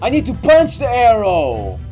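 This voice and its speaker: Excitable young male gamer, high animated voice. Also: measured pace, muffled recording. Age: young adult. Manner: excitable, easily startled, swearing. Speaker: gaming video creator. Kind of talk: let's play game commentary. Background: game music.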